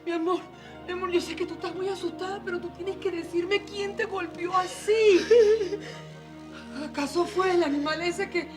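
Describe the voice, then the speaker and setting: A woman's voice: very high voice, fairly even intonation, normal speed, music in the background. A woman voicing an anxious, loving mother who frets tearfully over her hurt daughter in a fan telenovela dub. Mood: frantic. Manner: frantic, tearful.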